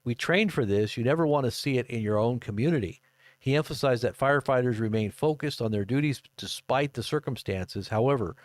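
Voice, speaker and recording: A man in his fifties giving casual live commentary and reading news reports aloud, halting and rambling as he goes. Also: mid-range voice, dry recording, clean studio sound. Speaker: livestream commentator. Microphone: close desk microphone.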